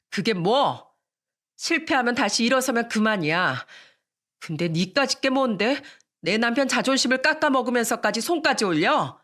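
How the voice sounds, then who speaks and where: A woman voicing a furious older sister, a tough former boxer, who scolds in a blunt, forceful way. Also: medium pitch.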